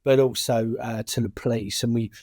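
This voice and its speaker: A man's voice: medium pitch, fairly even intonation, normal speed, a little mellow, no room sound, studio quality. A man with a British working-class accent answering in a conversational interview, often repeating words and restarting sentences as a campaigner. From United Kingdom. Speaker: charity chair and campaigner.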